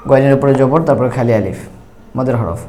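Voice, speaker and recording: A man teaching Quran reading, spelling out syllables slowly and then explaining briskly. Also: medium pitch, dark tone. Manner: drawn-out syllable-by-syllable recitation; brisk explaining between drills. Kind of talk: slow spelled-out reading lesson.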